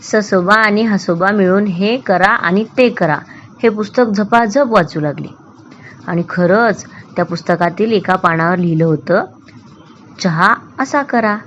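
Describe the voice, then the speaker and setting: A woman reading a children's book aloud with expressive, deliberate storytelling. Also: mid-range voice, lo-fi sound, slight background noise.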